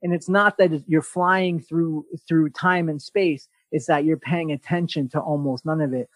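A man hosting a podcast, giving an energetic motivational talk and often restarting his sentences. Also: on the high side, a little slow, dry recording, poor audio. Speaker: podcast host.

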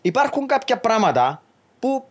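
A middle-aged man with a Cypriot Greek accent talking as a podcast guest in casual chat, animated and restless. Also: very high voice, breathy edge. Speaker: guest, club official.

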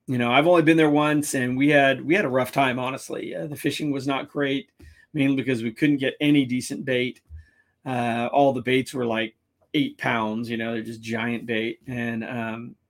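Man rambling in a live-stream chat. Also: medium pitch. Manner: rambling, halting, with many restarts. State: losing his voice. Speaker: kayak fishing show host.

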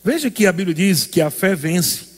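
A man's voice: sits high, animated, moderate pace, long reverb tail. A male pastor preaching a sermon in an emphatic call-and-response style.

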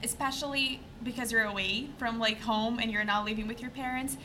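A woman's voice: on the high side, fairly even intonation, a little fast, sharp tone, a little hiss or hum. A young woman from Brazil, an international student guest talking casually with many fillers. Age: young adult. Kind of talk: casual chat.

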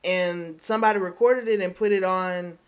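Excitable woman gossiping on a podcast. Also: fairly low pitch, normal speed, clear, resonant tone. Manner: excitable, rambling, swings from loud to hushed. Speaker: podcast host. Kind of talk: casual gossip chat.

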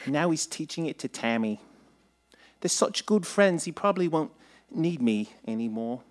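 A woman's voice: deep voice, animated, moderate pace. A woman voicing an insecure male imaginary friend, mopey and self-pitying, in a live comedy radio play.

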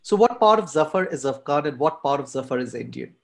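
Soft-spoken male podcast host. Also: on the high side, expressive, a little fast, gravelly. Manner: soft-spoken, many fillers. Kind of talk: interview questions.

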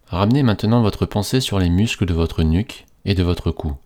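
A man reading a scripted guided relaxation in a slow, soothing, hypnotist-like manner with repetitive phrasing. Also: low voice, dark tone.

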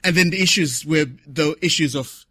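A man speaking at a conference, short of breath, earnest and reflective, pausing to correct himself. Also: a little high, bright, forceful tone, slightly rough, no echo, studio quality. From Zimbabwe. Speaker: conference speaker, patient advocate. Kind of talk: conference speech. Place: conference hall.

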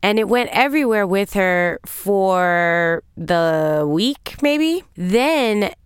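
A woman in her thirties coaching listeners through a solo podcast, her voice very smooth and resonant in a dry, close recording. She talks in a lively way and keeps asking her listeners questions. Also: mid-range voice, very slow, no room sound. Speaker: podcast host and business coach. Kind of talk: motivational solo podcast talk.

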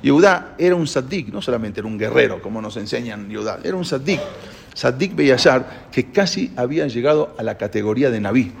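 Gravelly-voiced man telling a religious story. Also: mid-range voice, fairly quick, slight background noise. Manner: animated storytelling with stumbles and restarts. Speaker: religious teacher. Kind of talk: religious history lesson storytelling.

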